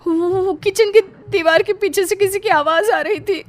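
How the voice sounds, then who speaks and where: A woman voicing Suman, a frightened young wife in a cartoon story, speaking in a high, trembling, pleading voice. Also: moderate pace. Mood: scared.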